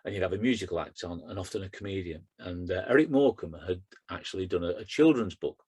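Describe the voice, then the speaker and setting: A middle-aged man, a poet, chatting loosely at a book launch and then reciting his own verse in a steady rhythm. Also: deep voice, quick pace, husky. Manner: chatty and rambling with fillers, rhythmic when reciting. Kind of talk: book launch talk and poetry reading.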